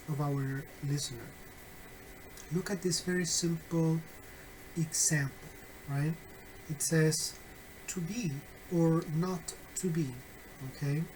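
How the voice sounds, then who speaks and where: A man walks through a phonetics lesson at an unhurried pace. He pauses often and keeps checking that his listeners follow. A faint hiss of room noise sits under his voice. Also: a little high, a little mellow, poor audio. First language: Spanish. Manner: slow, patient, many "uh" fillers and "okay?" checks. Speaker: phonetics teacher. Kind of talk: recorded online lecture.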